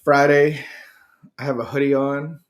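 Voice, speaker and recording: A middle-aged man co-hosting a podcast, chatting in a joking, easygoing way. His pitch sits in a middle range for a man. He often trips over his words and starts his sentences again. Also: flat delivery. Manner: playful, joking, halting with restarts. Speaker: podcast co-host. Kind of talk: casual chat.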